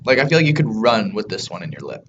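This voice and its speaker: A man's voice: fairly low pitch, sing-song, quick pace. A man chatting casually as a co-host in a product review, blunt, crude and slangy, talking with a lip full of chewing tobacco. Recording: dull lo-fi audio with faint background noise.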